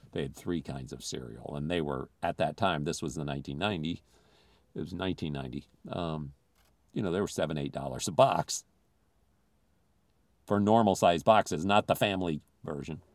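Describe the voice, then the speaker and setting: A man's voice: very deep voice, dry recording. A man who grew up in the Philippines, giving an earnest, confessional sermon as a pastor.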